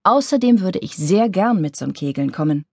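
A woman's voice: on the low side, expressive, moderate pace, darkish tone, breathy edge, no echo, clean studio sound. A woman voicing a patient, put-upon young woman defending herself to her coworkers. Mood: defensive. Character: put-upon, friendly young female office worker.

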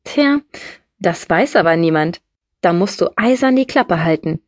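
A woman's voice: fairly low pitch, expressive, measured pace, no room sound, studio quality. A woman voicing a streetwise young woman who talks bluntly and breezily in an audiobook. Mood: breezy. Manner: blunt, breezy, matter-of-fact.

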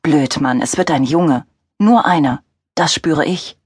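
A playful, affectionate young wife, as a woman narrator plays her, teasing in a slightly husky, bright-edged voice. It is recorded close and dry, like a studio audiobook. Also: low voice, unhurried, no room sound.

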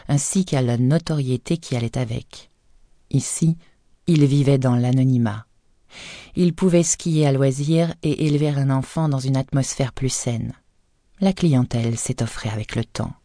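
A woman reads a thriller audiobook in a measured, even storytelling manner. Her voice has a mellow, dark color. It is recorded close and dry on a studio microphone. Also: very deep voice, dry recording. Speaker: audiobook narrator. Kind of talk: scripted audiobook narration.

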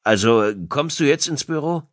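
A man's voice: on the high side, moderate pace, no room sound, clean studio sound, voice pushed up, close to an everyday voice. A man voicing a nervous, evasive husband in an audiobook, hesitating and stammering. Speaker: psychologist character. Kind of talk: audiobook dialogue.

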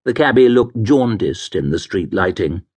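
A man narrating an audiobook thriller in a measured, expressive reading. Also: fairly low pitch. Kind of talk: scripted narration.

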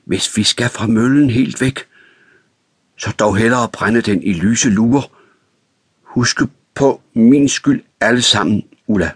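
A man's voice: low-pitched, steady tone, no room sound. Man reading as a stammering, childlike man. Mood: pleading. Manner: stammering, halting. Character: simple, childlike, remorseful grown man. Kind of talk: audiobook reading.

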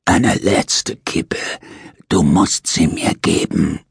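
A man voicing a dying, bitter old male prisoner, with a hoarse, rasping voice and drawn-out, wheedling speech. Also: deep voice, no room sound, studio quality, heavily acted. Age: older.

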